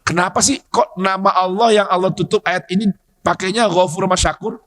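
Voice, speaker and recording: A man giving a dawn sermon in a mosque, teasing the congregation with questions and bursting into loud emphatic shouts. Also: high-pitched, steady tone, a little fast. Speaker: preacher.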